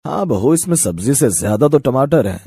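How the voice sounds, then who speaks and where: एक पुरुष, कार्टून कहानी में सबको चुप कराने वाले बुज़ुर्ग ससुर की आवाज़ करता हुआ।. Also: male voice, medium pitch, a little fast, creaky, slightly rough, no echo, clean studio sound, heavily acted. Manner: calm, hushing others. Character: stern older father-in-law.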